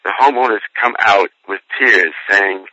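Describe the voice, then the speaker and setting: An American man with a sore throat speaks as a radio guest in a very bright, forceful voice on the low side. He explains earnestly, one deliberate phrase at a time. It sounds like a dull phone connection. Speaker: radio guest, regional youth organization director. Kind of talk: interview answer, earnest explanation. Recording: lo-fi roomy internet phone line.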